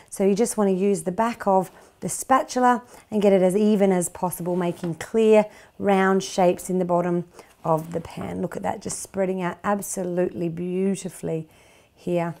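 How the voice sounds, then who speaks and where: Warm-toned woman demonstrating a recipe. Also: medium pitch, steady tone, moderate pace. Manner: chatty, encouraging, talks while working. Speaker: cooking show host. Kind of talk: casual cooking demonstration. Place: home kitchen studio, indoors.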